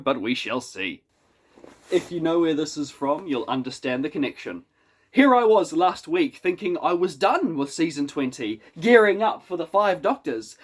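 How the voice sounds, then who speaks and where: A YouTube reviewer with a New Zealand accent and a head cold gives a chatty, wry spoken review from his small apartment, casual and self-deprecating throughout. His voice is fairly high in pitch.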